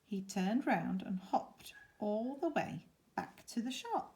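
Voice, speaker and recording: A woman reading a children's storybook aloud expressively, with dramatic pauses and chatty asides. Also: medium pitch, expressive, warm tone.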